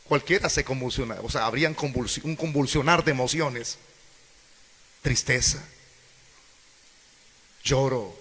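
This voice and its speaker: Animated male preacher in an echoey hall. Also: mid-range voice, a little slow, pauses often, slightly rough. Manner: animated, acts out quoted voices, asks congregation questions. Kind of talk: sermon. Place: church hall.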